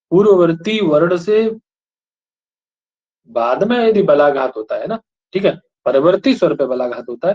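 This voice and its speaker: A male teacher with a slightly high, breathy voice gives a classroom lecture, repeatedly asking students questions and checking they're following along. The recording sounds dull and lo-fi.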